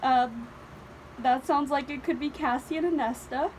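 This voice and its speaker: A woman's voice: sits high, normal speed, slight background noise, poor audio. A young woman reacting to a book on her vlog, emotional and close to crying, swearing and stumbling over her words. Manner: excited, swearing, stumbling, near tears. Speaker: book vlogger.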